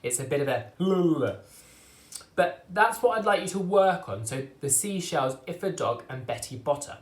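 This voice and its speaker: A man teaching an online drama class for children, encouraging and reassuring as he drills tongue twisters slowly. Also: fairly high pitch, expressive. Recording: echoey room.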